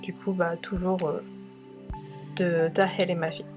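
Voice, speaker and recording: A woman presenting her monthly book purchases to viewers in a casual, hesitant way, often pausing on filler sounds. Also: on the low side, little pitch movement, darkish tone, faint music behind. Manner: hesitant, many filler pauses. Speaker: book vlogger.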